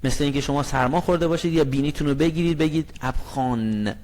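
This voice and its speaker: A man teaching a language lesson, explaining grammar in a friendly way and reading example sentences very slowly and clearly. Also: fairly high pitch, steady tone, darkish tone. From Iran.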